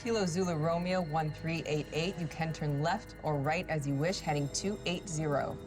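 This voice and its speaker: An actress playing an air traffic controller giving brisk, procedural replies over the radio. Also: female voice, deep voice. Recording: music bed behind.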